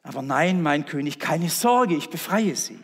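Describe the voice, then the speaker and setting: A man's voice: a little high, expressive, moderate pace, husky. A man voicing a brave, helpful young mouse from a fable, reading its lines in a lifted, eager voice. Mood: kind. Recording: echoey church reverb.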